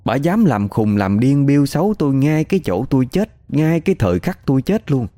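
A man's voice: medium pitch, very animated, brisk, warm tone, no room sound, pitched above the performer's own voice, natural voice. A man voicing the spirit of a young woman killed in a crash, accusing and indignant.

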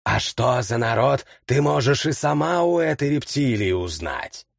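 Man playing a raspy, mocking rat woman who keeps daggers hidden. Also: mid-range voice, expressive, a little slow, no echo, clean studio sound, heavily acted. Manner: mocking, snapping. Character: sharp-tongued rat woman hiding twin daggers.

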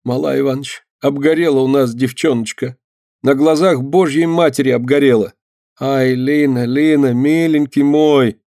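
A man's voice: mid-range voice, fairly even intonation, normal speed, warm tone, dry recording, clean studio sound, voice pushed up, close to an everyday voice. A man voicing a timid, kindly man who speaks in broken, ungrammatical sentences and laments in a sing-song way. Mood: pleading.

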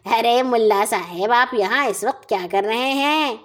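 Lady doing a brazen sweet-talking neighbor dude from a kids story, slow and coaxing. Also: on the high side, a bit bright, close to an everyday voice. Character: smug, shameless male neighbor farmer.

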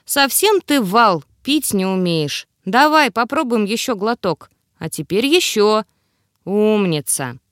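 A woman's voice: medium pitch, animated, slow pace, no echo, studio quality. A woman voicing a cheerful, caring young male friend in an audiobook, teasing and then pleading.

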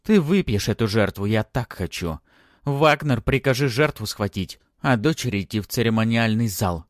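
A man voicing a cruel, haughty middle-aged stepmother who talks in a shrill, scornful way in an audiobook. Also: sing-song, moderate pace, no echo, clean studio sound. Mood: commanding.

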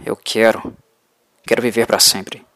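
A man's voice: fairly low pitch, little pitch movement, a little slow, a bit bright, dry recording, studio quality. A man voicing a desperate young mortal man who pleads urgently. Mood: pleading.

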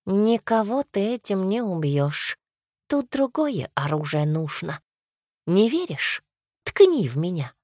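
A woman voicing a sly, knowing male imp from a fairy tale, speaking low and unhurried. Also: big pitch swings, a little mellow, no echo, clean studio sound. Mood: mocking calm.

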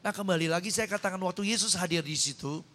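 A man preaching a sermon, telling stories animatedly with sudden high-pitched exclamations into a handheld microphone. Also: fast talker, a bit bright. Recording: long hall reverb.

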